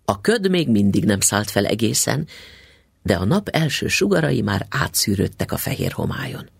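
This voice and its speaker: Expressive male audiobook narrator, lively, animated delivery with a gravelly, husky tone. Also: fairly low pitch, no echo, studio quality. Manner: expressive, dramatic reading.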